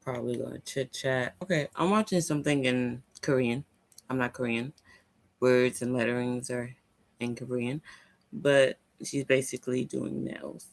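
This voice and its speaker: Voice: medium pitch, steady tone, normal speed, gravelly, dry recording. A young adult chatting casually on a home livestream, rambling and thinking aloud into a laptop mic.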